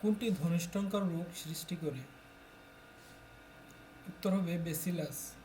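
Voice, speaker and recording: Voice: medium pitch, a little slow, warm tone, slight background noise. A tutor from Bangladesh steadily reading exam questions aloud and announcing each answer in turn.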